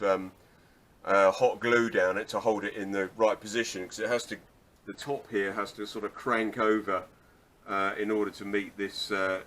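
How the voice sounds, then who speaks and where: Low-voiced man rambling in his workshop. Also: a bit bright. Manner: rambling, self-deprecating, restarts often. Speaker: car restorer. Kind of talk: casual workshop how-to vlog.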